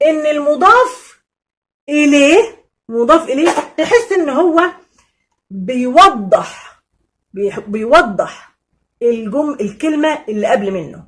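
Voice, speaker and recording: An Egyptian woman teaching Arabic grammar in a casual, lively way, repeating key points and answering imagined student questions. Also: high voice, unhurried, long pauses. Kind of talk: casual classroom explanation.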